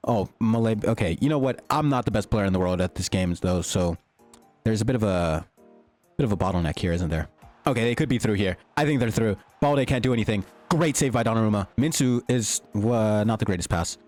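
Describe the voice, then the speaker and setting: A young man giving excited, slangy commentary over his own gameplay, his voice starting to go. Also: on the low side, a little fast, soft background music. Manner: hyped, slangy, swings between joking and shouting. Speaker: gaming YouTuber. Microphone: desktop mic, peaking.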